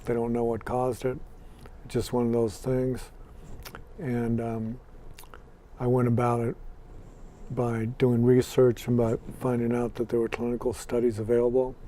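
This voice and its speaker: A man's voice: medium pitch, completely flat delivery, unhurried, warm tone, slight background noise. A man in his sixties with an American accent, born in Scotland and raised in Ireland, answering interview questions in a plainspoken, dry way. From born in Scotland, raised in Ireland and Los Angeles. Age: 60s. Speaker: interview guest.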